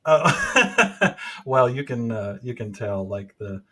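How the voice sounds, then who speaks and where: A man's voice: medium pitch, expressive, takes it slowly, bright, forceful tone, slight background noise. A man with an Arkansas twang, chatting casually as a podcast co-host. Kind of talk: casual chat.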